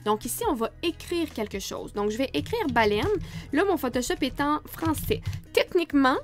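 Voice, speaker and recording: A woman's voice: high-pitched, lively intonation, moderate pace. A woman photographer with a Quebec French accent, teaching in a chatty, casual way with frequent laughs. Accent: Québécois French. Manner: chatty, laughs often, many fillers. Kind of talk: casual screen-recorded tutorial.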